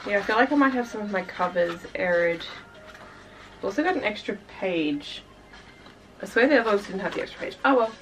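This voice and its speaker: A woman's voice: mid-range voice, animated, a little fast, long pauses, a bit bright, far from the mic, slight background noise, rough recording. A young woman from Australia gushing and chatting casually while unboxing albums for her vlog, full of fillers and sighs. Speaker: K-pop reaction vlogger.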